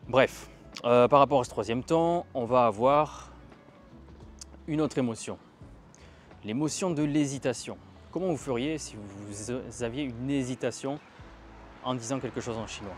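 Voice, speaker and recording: A man giving a casual language lesson while walking outdoors, lively and stressing words to demonstrate tones. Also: medium pitch, a little slow, pauses often, soft background music. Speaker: language teacher.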